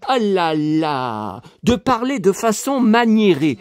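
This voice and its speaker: A man talks straight to his viewers in a casual home vlog, rambling and indignant, tripping over fillers and restarts. His voice sits high and leaps around a lot. The sound is close and dry, with no room echo. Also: big pitch swings, takes it slowly. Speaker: YouTuber.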